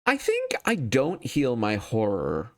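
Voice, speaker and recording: A man's voice: mid-range voice, wildly swooping pitch, slow pace, vocal fry, fairly bright tone. A man thinking aloud as he hosts a solo card game playthrough, casual and wryly self-deprecating.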